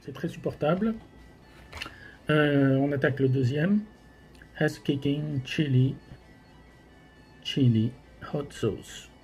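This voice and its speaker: Casual male taster, mellow dark voice, hesitant phrasing, mouth burning from spicy food, light music behind. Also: a little high, slow pace, pauses often. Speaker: host of a hot sauce tasting challenge. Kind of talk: casual commentary while tasting.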